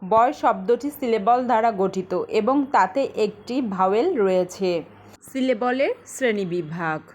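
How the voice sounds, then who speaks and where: A woman teaching a short lesson in a patient, measured voice-over, explaining terms step by step. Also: medium pitch.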